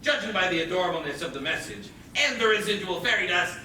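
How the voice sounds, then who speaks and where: A man's voice: sits high, animated, fast, sharp tone, exaggerated voice. An actor playing an eager, fawning male pirate sidekick on a live stage. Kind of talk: stage play acting. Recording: echoey stage recorded from far off, with noise.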